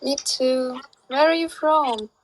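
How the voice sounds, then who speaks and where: A woman from Russia, answering a stranger on a video call in soft, hesitant, short replies. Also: high voice, slow pace, a little hiss or hum. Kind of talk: casual video chat with a stranger.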